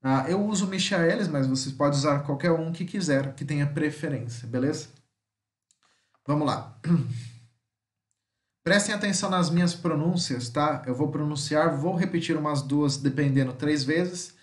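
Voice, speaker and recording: A male teacher with a Brazilian Portuguese accent giving an online vocabulary lesson, drawing out example words slowly and checking in with his students often. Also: a little high. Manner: slow drawn-out model pronunciations between chatty explanations; keeps checking in with "tá?". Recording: echoey room.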